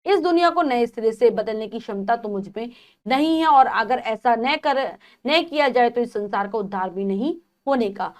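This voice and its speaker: A woman teacher voicing a weary, resigned mother who gently explains herself to her daughter in a storybook reading. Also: a little high, moderate pace, close to an everyday voice.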